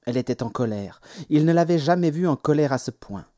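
A man reading stories aloud as an audiobook narrator, in a measured, expressive way. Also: a little high, no room sound, studio quality. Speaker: audiobook reader. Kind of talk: scripted narration.

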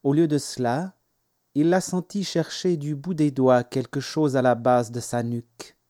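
A man reading stories aloud as an audiobook narrator, in a measured, expressive way. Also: mid-range voice, dry recording, studio quality. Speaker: audiobook reader. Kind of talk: scripted narration.

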